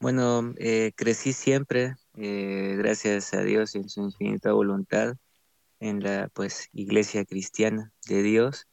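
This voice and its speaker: A young man from El Salvador with a Salvadoran accent, sharing his faith testimony as a guest, in a slow, halting way with many fillers. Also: fairly low pitch, level tone, creaky, darkish tone, no room sound. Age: young adult. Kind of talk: testimony interview.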